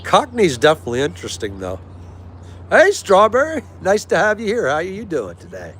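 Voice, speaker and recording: Speaking with an American accent, a man hosts a livestream and keeps up a casual, friendly, agreeable chat with viewers. His voice sits high with huge pitch swings, brisk and fairly bright, over clear vehicle-like background noise.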